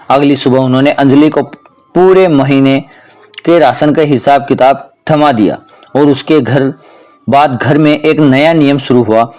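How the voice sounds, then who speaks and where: A man's voice: mid-range voice, a little mellow. Man narrating a family story.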